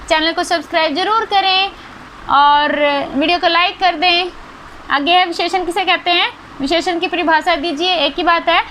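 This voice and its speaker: A young woman teaches a school lesson in a very high, bright voice. She explains patiently and keeps checking in with her listeners. A faint hiss sits under the close recording. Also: poor audio. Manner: patient, repeats key words with frequent "ठीक है" and "है ना".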